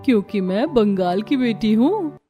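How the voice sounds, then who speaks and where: A woman's voice: on the high side, expressive, a little slow, dark tone. A woman voicing a kind, resourceful young Bengali daughter-in-law in a cartoon family story. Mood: proud, reassuring. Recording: music under the voice.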